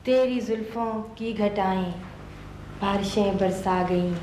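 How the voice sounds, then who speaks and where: An actress playing a woman who recites poetry slowly and lyrically in a duet. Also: medium pitch, dark tone, echoey room, a little hiss or hum, lightly acted.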